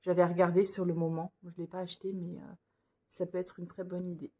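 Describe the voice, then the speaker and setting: A woman with a fairly low, mellow voice moves briskly through her cross-stitch patterns, her delivery flat. It's a casual show-and-tell vlog filmed indoors beneath a lamp, and she hesitates often, restarting and using many fillers.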